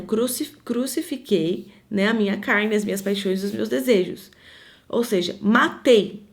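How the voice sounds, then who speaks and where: Woman, mid-pitched voice, earnest conversational devotional teacher for a women's live stream. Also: vocal fry. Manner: earnest, conversational preaching with personal stories.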